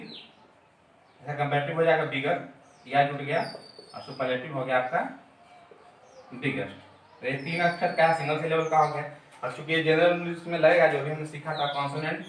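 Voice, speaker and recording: A man's voice: on the high side, steady tone, moderate pace, slight background noise. A man teacher explaining a grammar lesson step by step, repeating his key terms. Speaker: English teacher. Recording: very echoey room, mic far off.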